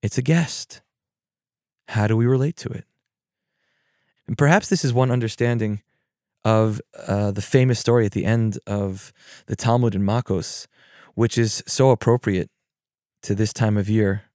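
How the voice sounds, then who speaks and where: A man, a therapist and podcast host, giving a gentle, reflective mindfulness talk and telling stories. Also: lowish voice, no echo, clean studio sound.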